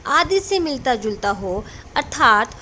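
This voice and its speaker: A woman's voice: on the high side, big pitch swings, unhurried, bright, forceful tone, slight background noise. A woman teaching English grammar in a classroom lesson, explaining rules patiently and answering her own questions as she goes.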